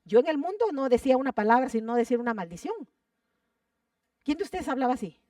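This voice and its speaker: A woman's voice: sits high, big pitch swings, quick pace, mellow, no room sound, clean studio sound, far from the mic. A woman preaching a sermon to her congregation. She talks with fervor, repeats phrases for emphasis and puts questions to the listeners. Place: church sanctuary.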